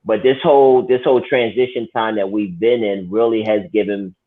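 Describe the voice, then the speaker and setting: A man with a fairly low voice talks politics casually, pausing and restarting as he thinks aloud. His delivery slips into dry sarcasm. The sound is thin and tinny, as if through a phone line. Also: steady tone. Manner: sarcastic, reflective, many restarts. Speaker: podcast co-host.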